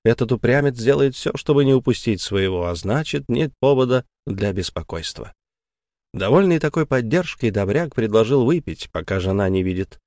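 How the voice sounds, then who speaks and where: A man narrating an audiobook story in a measured storytelling manner. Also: mid-range voice, lively intonation, darkish tone, no room sound, clean studio sound.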